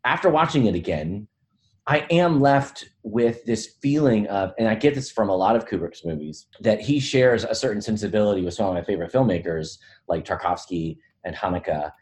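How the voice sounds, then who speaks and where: A man's voice: fairly low pitch, darkish tone. Reflective, self-deprecating middle-aged man. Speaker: podcast co-host and film teacher. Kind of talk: casual film discussion.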